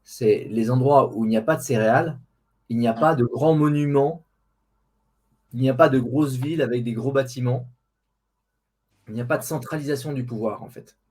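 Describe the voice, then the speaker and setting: A man's voice: mid-range voice, normal speed, pauses often, a little mellow. A man answering casually as an interview guest, hesitant and often repeating words while he searches for the next one. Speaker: interview guest, online diet group administrator.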